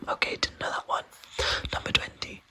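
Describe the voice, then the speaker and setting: Whispered ASMR reader, breathy, very crisp bright tone, repetitive soft phrasing. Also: moderate pace. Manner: softly repeats words and phrases. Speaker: ASMR host reading a medical handbook aloud. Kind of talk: whispered ASMR reading with asides.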